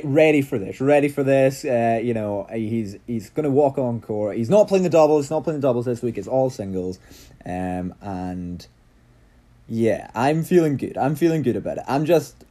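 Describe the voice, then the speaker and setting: Mellow-voiced, excitable Scottish man. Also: lowish voice. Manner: excitable, rambling, repeats and restarts phrases. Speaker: podcast host. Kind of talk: casual sports podcast chat.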